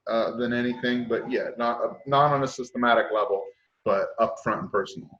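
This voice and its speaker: The medium-pitched, slightly bright voice of a late-thirties man moves a little fast. As a podcast guest in a casual chat, he's candid and reflective, full of hesitations and "uh" fillers, all on a dull lo-fi mic.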